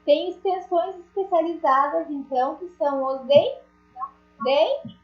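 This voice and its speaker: Over a dull, lo-fi call with a roomy echo comes a high-pitched woman teaching an online class. She is animated yet unhurried, chatting, cracking small jokes, and addressing her students directly.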